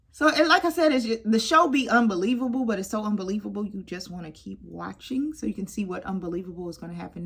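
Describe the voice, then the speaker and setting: A woman casually reviewing a TV show, lively and expressive, dropping into stage whispers for asides. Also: medium pitch, slight background noise. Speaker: YouTube TV reviewer.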